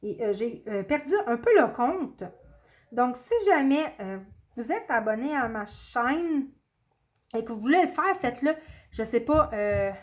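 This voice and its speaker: A woman's voice: a little high, lively intonation. A woman, chatting casually and hesitantly with her viewers, often apologetic and poking fun at herself. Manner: hesitant, pauses often with fillers; self-deprecating and apologetic. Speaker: coloring channel host. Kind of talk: casual chat answering a video tag.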